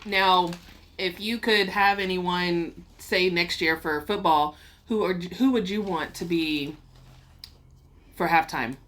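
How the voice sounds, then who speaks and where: A woman co-host in a casual podcast chat, relaxed and a bit salty. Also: fairly low pitch, takes it slowly.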